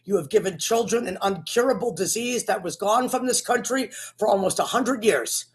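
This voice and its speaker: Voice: mid-range voice, moderate pace. A commentator giving an impassioned, sermon-like political rant in an accusatory, repetitive, preachy manner.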